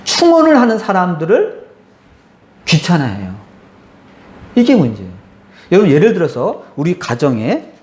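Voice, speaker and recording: Male pastor, sermon, animated storytelling, lively rising and falling pitch, echoey church hall. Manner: animated storytelling, acting out voices of the characters.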